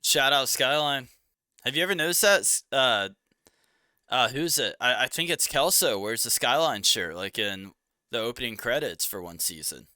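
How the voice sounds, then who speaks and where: A young man from Cincinnati co-hosting a podcast, chatting casually and telling rambling, animated stories. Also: mid-range voice, normal speed, clean tone, no echo, clean studio sound. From Cincinnati, Ohio. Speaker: podcast co-host. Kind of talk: casual chat.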